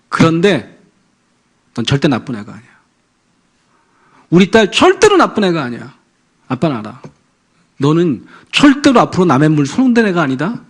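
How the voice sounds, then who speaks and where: A man, a pastor and professor, lecturing parents through animated storytelling and acting out scenes. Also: mid-range voice, breathy edge.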